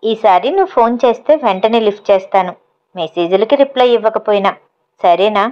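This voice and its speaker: A woman's voice: medium pitch, lively intonation, a little fast, dull audio, natural voice. A woman reading as a teasing young woman.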